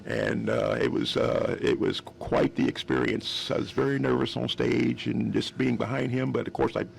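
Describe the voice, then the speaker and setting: A West Virginia man in his fifties, a guest musician on a radio interview, tells stories in a rambling way and keeps restarting his sentences. His mid-range voice has vocal fry and a lively intonation, and he talks at a normal speed.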